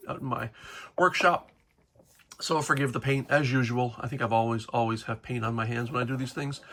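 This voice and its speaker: A man's voice: medium pitch, gravelly, pushed and bright. A man casually talking through a toy unboxing in his home workshop, rambling with fillers. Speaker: toy collector vlogger.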